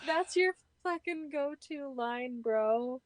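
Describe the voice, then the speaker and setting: High-voiced woman in casual chat. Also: expressive, takes it slowly, dry recording. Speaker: watch party co-host.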